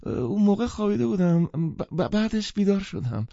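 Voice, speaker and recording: A man's voice: high-pitched, expressive, gravelly, warm tone, no echo, pitched above the performer's own voice, full character voice. A jittery young man who whines and stumbles over his words in a raised, strained voice, put on by a male narrator. The audiobook recording sounds dull, lo-fi and dry. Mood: flustered. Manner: stammering, whiny. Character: nervous young man, flustered and stammering.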